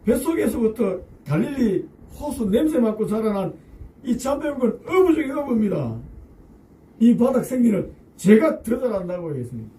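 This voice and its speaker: A man's voice: extremely high pitch, big pitch swings, moderate pace, mellow, reverberant, recorded from a distance, voice pushed up, rough recording. A man playing a weary adult fisherman who grumbles and pleads in an inner monologue. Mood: protesting.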